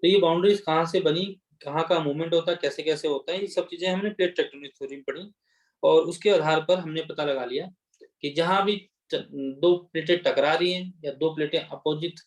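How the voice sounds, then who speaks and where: Man, teacher, exam-prep geography lecture, slightly high voice, off-the-cuff explaining, fillers and restarts, checks in with students. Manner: unscripted explaining with fillers and restarts, Hindi mixed with English terms; repeats "ठीक है" to check in with students.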